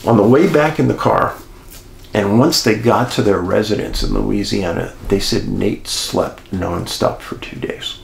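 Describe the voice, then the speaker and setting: A man hosting and telling a true-crime mystery story in an animated way, speaking straight to his listeners. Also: lowish voice, measured pace, gravelly, reverberant, slight background noise. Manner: animated, addresses listeners as folks. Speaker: host and storyteller.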